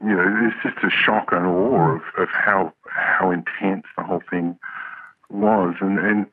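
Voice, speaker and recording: A man with an electronically altered, disguised deep voice, speaking hesitantly as an interviewee on a radio program. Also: fairly even intonation, no room sound. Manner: hesitant, halting, many pauses. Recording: narrow, phone-like altered audio.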